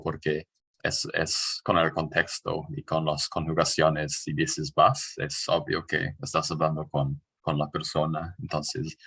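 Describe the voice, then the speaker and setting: A man's voice: very deep voice, fairly bright tone, husky. A man from New Zealand who speaks natively, hosting the talk and asking careful questions with small hesitations. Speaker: host. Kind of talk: casual interview.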